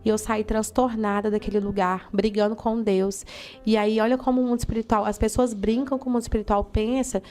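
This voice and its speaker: Uma jovem missionária com sotaque brasileiro dá seu testemunho pessoal com emoção, contando cenas vivas e imitando as falas das pessoas. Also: female voice, mid-range voice, flat delivery, fairly quick, mellow. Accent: Brazilian. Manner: fervent, vivid storytelling with acted-out quotes. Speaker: missionary giving testimony. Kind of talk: emotional personal testimony in an interview.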